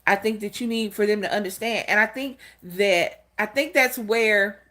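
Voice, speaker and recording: A woman's voice: medium pitch, moderate pace, bright, forceful tone. A woman in her fifties hosting a casual livestream, speaking candidly and telling stories straight to her viewers. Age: 50s. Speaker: channel host. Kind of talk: casual livestream talk greeting chat viewers.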